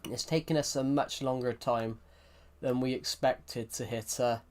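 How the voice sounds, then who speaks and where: Faint music and keyboard tapping fill the background as a young man with a Southwest English accent talks loosely through his game stream, reading out viewer messages and restarting his sentences a lot. His mid-range voice stays fairly even in intonation, and he keeps a measured pace.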